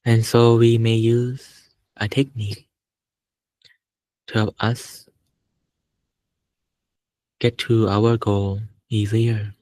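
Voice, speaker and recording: This rough recording, free of any room sound, captures a fairly low-voiced man guiding a meditation. He keeps his tone very even and level, delivering short, calm phrases with long pauses in between, in the gentle, step-by-step manner of a teacher.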